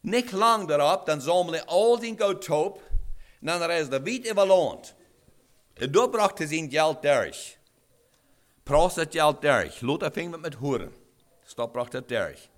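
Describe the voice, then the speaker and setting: A man delivers a sermon in a voice set a little high. His pitch rises and falls in animated swings. He talks haltingly, restarting phrases and asking his listeners rhetorical questions. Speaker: preacher.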